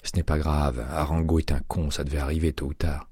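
A man's voice: extremely low pitch, flat delivery, brisk, a little mellow, husky, dry recording, studio quality. A man voicing a practical female police detective who talks bluntly and matter-of-factly.

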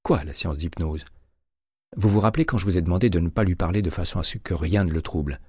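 A man voicing a composed female agent in an audiobook, calm and firm. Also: sits low, quick pace, breathy edge, dry recording, clean studio sound. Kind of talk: audiobook character reading.

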